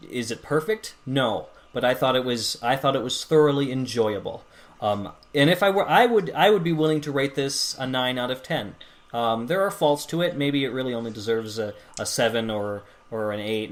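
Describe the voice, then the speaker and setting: A man co-hosting a podcast in casual chat, rambling and hesitant with many restarts. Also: mid-range voice. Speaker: podcast co-host.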